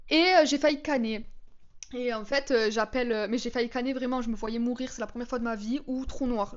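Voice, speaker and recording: A young woman tells her storytime anecdotes in a casual, slangy, dramatic way. Her voice sits high, and the recording sounds a little dull and lo-fi. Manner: chatty, slangy, dramatic retelling. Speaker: vlogger.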